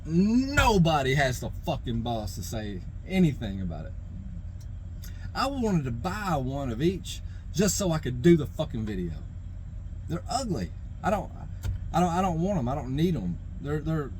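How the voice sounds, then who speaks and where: A man's voice: on the high side, darkish tone, slight background noise. A man delivering an unscripted, exasperated rant full of swearing, rambling and stammering over repeated phrases as he goes. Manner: exasperated, rambling, profanity-laden ranting. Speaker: knife review vlogger. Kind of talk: unscripted opinion rant to camera.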